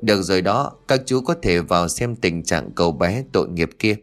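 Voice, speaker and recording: Calm steady young exorcist guy, low voice, narrator doing it. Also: normal speed. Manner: calm, reassuring.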